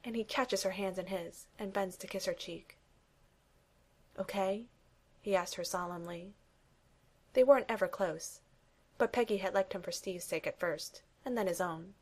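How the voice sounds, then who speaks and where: A woman narrating a romantic story aloud, reading every character's lines in her own voice with gentle emphasis. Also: fairly low pitch, fairly even intonation, moderate pace. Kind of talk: fan fiction reading.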